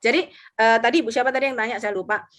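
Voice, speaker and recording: Speaking very fast in a slightly high voice, a middle-aged woman who leads an insurance agency gives a motivational sharing talk. A lively storyteller, she acts out quotes and mixes in English words.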